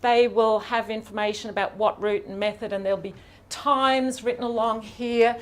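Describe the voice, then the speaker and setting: Woman lecturing lively to an audience. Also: a little high. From Ireland. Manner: lively, quick asides, laughs with the audience. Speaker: university professor giving a seminar. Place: lecture hall.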